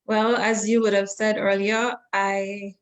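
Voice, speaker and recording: A woman, from the Bahamas and Jamaica. She speaks steadily and articulately as a guest in an interview, keeping her pitch very even. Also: takes it slowly, poor audio. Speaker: guest graduate. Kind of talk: conversational interview.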